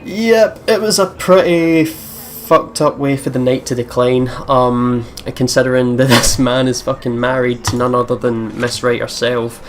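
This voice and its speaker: A man of medium pitch speaks at a measured pace with fairly even intonation and few pauses, over slight background noise. As a let's play host at his home computer setup, he gives casual, meandering commentary into a desk mic, swearing, using slang, and sometimes reading text aloud.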